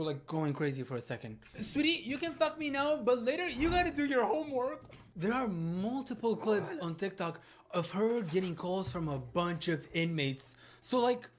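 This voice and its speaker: A woman host giving casual, playful, gossipy reaction commentary in slangy speech. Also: medium pitch. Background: background music.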